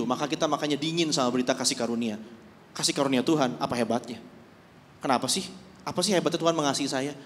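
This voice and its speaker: A man preaching a sermon in a church, in a conversational but emphatic way, with many rhetorical questions. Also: on the high side. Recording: reverberant church hall.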